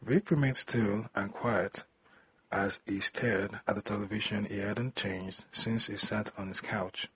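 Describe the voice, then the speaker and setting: A man reading a story aloud in a plain, steady storytelling manner. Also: fairly low pitch, unhurried, breathy edge, low-quality recording. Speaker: story narrator.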